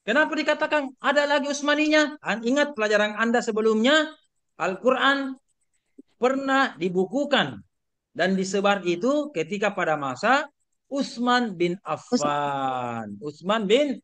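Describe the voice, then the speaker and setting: A man's voice: high voice, animated, measured pace, a bit bright. A middle-aged man lecturing an online class, asking his students questions and repeating points with many fillers. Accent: Indonesian.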